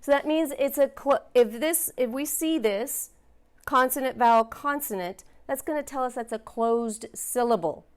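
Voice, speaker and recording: A woman's voice: sits high, normal speed. A woman teaching a phonics lesson, patiently sounding out letters and words and encouraging her learners.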